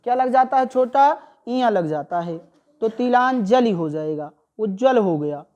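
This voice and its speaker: Slow high-voiced woman teacher. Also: expressive, dark tone, muffled recording. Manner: drills words by slow repetition, asks the class questions. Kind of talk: classroom spelling lesson.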